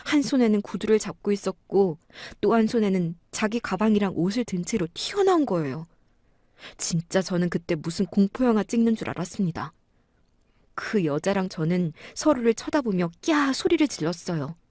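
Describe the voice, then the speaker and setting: A woman narrating a dramatized first-person story in a lively, indignant way. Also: medium pitch, moderate pace, no room sound, clean studio sound.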